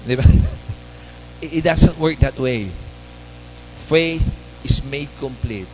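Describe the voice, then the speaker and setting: A man's voice: medium pitch, very slow, lo-fi sound, slight background noise. A man preaching a sermon as pastor, calling out to the congregation for responses. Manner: lively, calls out to the congregation for responses. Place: church service.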